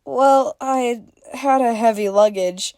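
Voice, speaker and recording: A woman's voice: a little high, big pitch swings, unhurried, no echo, clean studio sound, pitched above the performer's own voice. A woman voicing a cheerful, teasing young woman in a story she reads aloud. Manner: bright and teasing.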